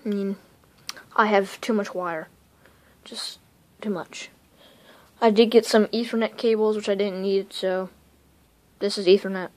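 A woman giving a casual, rambling tour of her home electronics workshop, talking quickly and interrupting herself as she films with a handheld phone. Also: mid-range voice, fairly even intonation, darkish tone. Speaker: electronics hobbyist vlogger. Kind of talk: casual unscripted shop tour. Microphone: handheld phone camera.

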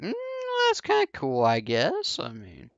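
A man's voice: mid-range voice, wildly swooping pitch, unhurried, creaky, fairly bright tone, no echo, muffled recording. A young adult man giving casual, offhand let's play commentary into a headset mic. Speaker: gaming YouTuber. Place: indoors, seated at a gaming setup. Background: faint game music.

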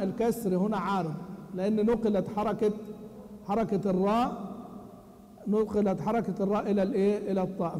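Male teacher, high-pitched, quizzes students and chants verses, long hall reverb. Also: mellow. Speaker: Quran recitation teacher. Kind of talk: classroom lesson explaining a text. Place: large mosque hall.

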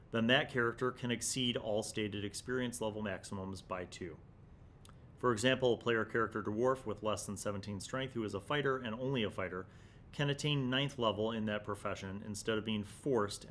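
A middle-aged man who hosts a tabletop gaming review series speaks deliberately, explaining and reading aloud from a magazine, with a fairly bright tone. He records on a large condenser mic on his desk in a small studio with a block wall, and a low rumble sits in the background.

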